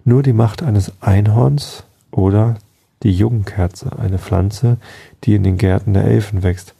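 A crafty old witch who soothes with gentle words, read by a man. Her voice is low, mellow and husky. It is a storybook voice. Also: fairly even intonation, unhurried, heavily acted. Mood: soothing. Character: calm, cunning old witch woman.

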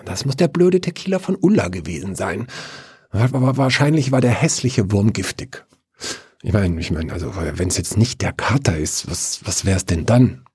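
A man's voice: on the low side, expressive, moderate pace, darkish tone, breathy edge, no room sound, clean studio sound. A man voicing a nervous young man who stammers and hurries through his words. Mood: panicked.

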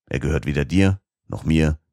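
A man voicing an elderly professor from an audiobook, stubborn and excitable, who explains things firmly. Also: rumbling low, moderate pace, creaky, no echo, studio quality, exaggerated voice. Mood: coolly lecturing. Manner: lecturing, firm.

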